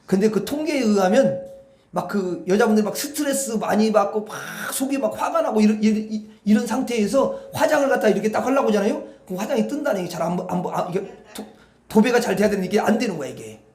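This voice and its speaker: A male pastor preaching a sermon in an animated, folksy, rambling way, often addressing the congregation directly. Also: sits high, fast. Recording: echoey hall.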